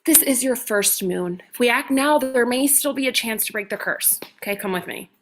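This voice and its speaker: A woman with a fairly high, natural voice speaks at normal speed, playing a stern and mysterious guardian of a shapeshifter. Her solemn, commanding performance is part of a table read of a comedic horror script.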